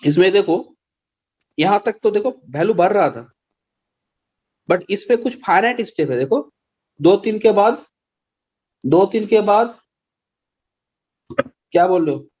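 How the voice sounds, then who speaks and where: A male maths teacher leads an online class, speaking slowly and stopping often to quiz his students. His voice sits high for a man. The audio is dull and lo-fi. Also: expressive, darkish tone, breathy edge. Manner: slow, patient questioning of students.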